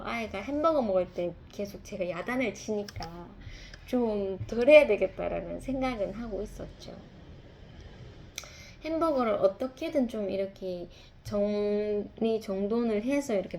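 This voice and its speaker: Mellow-voiced woman telling a confessional story. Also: mid-range voice, vocal fry, a little hiss or hum. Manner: confessional and rambling, with many fillers and restarts. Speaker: mother sharing a testimony. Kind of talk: reflective personal storytelling.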